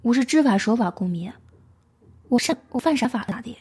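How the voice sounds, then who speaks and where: A woman's voice: on the high side, lively intonation, a little fast, warm tone, slightly rough. A woman voicing a blustering Northeastern Chinese thief. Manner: blustering, plays dumb. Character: cocky male petty thief in his thirties.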